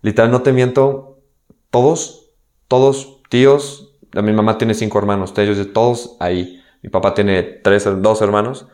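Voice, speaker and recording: A man's voice: lowish voice, steady tone, measured pace, darkish tone. A young man with a Mexican accent telling a personal story in a candid, slangy way, acting out the dialogue he quotes. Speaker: guest.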